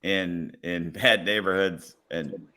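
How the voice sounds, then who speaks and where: Deep-voiced man with a bright edge. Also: fairly even intonation, slow pace. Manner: reflective, leans on "you know". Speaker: police officer guest. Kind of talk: casual podcast conversation.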